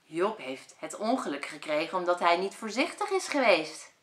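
A woman kindergarten teacher reading a picture book aloud to young children, expressive and asking them questions. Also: lowish voice, moderate pace. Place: school room. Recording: echoey room.

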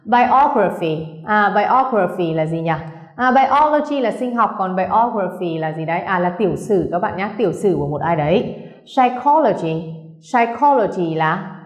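A woman English teacher explaining to students, patiently checking understanding and slowing down for English words. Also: medium pitch, lively intonation, reverberant. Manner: patient, keeps checking understanding with tag questions; switches between slow spelled-out English and quick explanation.

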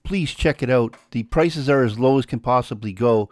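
A male host talks casually to his viewers in an easy outro. His voice is at a middle pitch and sounds dry and close. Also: moderate pace, darkish tone, no echo. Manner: casual sign-off plea to viewers. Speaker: channel host.

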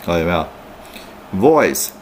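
A man giving an online English pronunciation lesson. He explains patiently with frequent "oh" fillers and models each word slowly. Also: low-pitched, big pitch swings, slight background noise.

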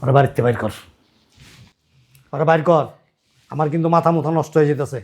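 An actor playing a loud middle-aged father-in-law who keeps berating his idle son-in-law. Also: on the high side, brisk, lightly acted. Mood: furious. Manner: shouting, berating, repetitive rants.

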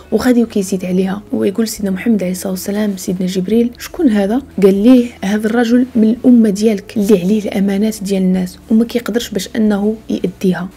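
Fast, breathy Moroccan woman storyteller. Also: medium pitch. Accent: Moroccan Arabic. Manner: soft storytelling, often slipping into a hushed whisper. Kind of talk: religious storytelling.

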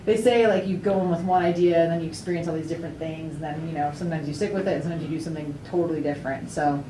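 A young woman, a soccer player, answering questions at a post-game press conference in a chatty, upbeat way, full of fillers and quick laughs. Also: deep voice, steady tone. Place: indoor press room before a sponsor backdrop. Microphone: table mic on a stand, camera at a distance. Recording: echoey room, distant mic, faint noise.

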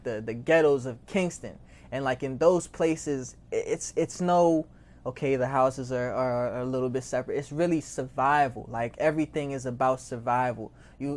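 Heard here is a man's voice that is a little high with a darkish tone. He's nineteen, born in Haiti, raised in Maryland since age seven, and has an American accent; as an interview guest and record label founder, he speaks casually and slangily, often repeating himself.

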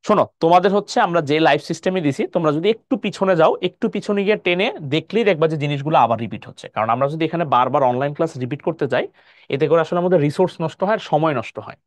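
A man's voice: fairly high pitch, racing, no echo. A man teaching a live online math lesson in Bangladeshi Bengali, explaining step by step and often checking whether students follow. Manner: explains step by step, keeps asking "clear?".

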